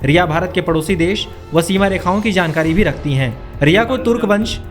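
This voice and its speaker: High-pitched man narrating a news feature. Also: a little fast, soft background music.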